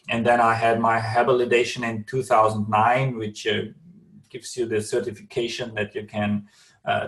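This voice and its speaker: A man's voice: mid-range voice, roomy sound, distant mic. A man from Austria with an Austrian accent, speaking carefully and with many restarts as a guest on a video call interview. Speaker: guest, clinical research director.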